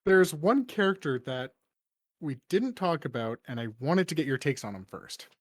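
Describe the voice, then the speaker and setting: A man's voice: on the high side, sing-song, normal speed, no echo. Man on a podcast with a dry, close sound. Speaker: podcast co-host. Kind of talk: casual film discussion.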